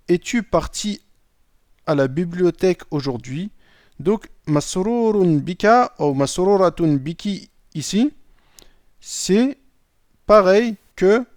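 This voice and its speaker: Male teacher, slightly high voice, dry close mic, patient lesson delivery. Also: darkish tone, no room sound. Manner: checks in with "d'accord?" often. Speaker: Arabic teacher. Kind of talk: explaining a lesson.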